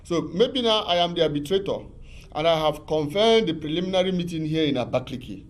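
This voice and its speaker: Lecturing man, slightly high voice. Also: animated, fast. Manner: patient, repetitive, lecturing with many fillers. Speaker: legal expert guest. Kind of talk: explanatory TV talk on law.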